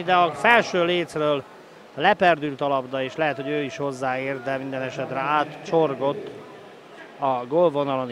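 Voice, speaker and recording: A man giving excited, openly partisan live play-by-play sports commentary as he roots for his team. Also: on the high side. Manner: excited, breaking into shouted goal calls. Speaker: sports commentator of a water polo match. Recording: noisy live sports venue ambience.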